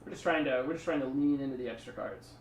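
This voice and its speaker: A man's voice: medium pitch, quick pace, reverberant, recorded from a distance, slight background noise. A man streaming a card game, talking through his plays in a rambling, chatty way and thanking subscribers. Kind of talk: casual live-stream commentary.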